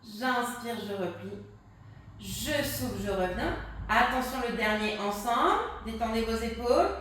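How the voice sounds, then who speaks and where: High-voiced woman guiding a pilates workout. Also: animated, measured pace, a bit bright, slight background noise. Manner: cues breathing and counts reps while exercising along. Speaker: pilates instructor. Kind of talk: guided workout instruction. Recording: echoey room, distant mic.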